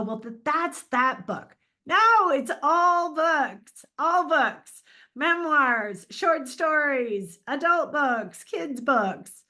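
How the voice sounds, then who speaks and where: Middle-aged woman teaching a writing class, chatty and emphatic, higher voice. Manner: lively, emphatic, conversational teaching. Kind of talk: recorded writing lecture.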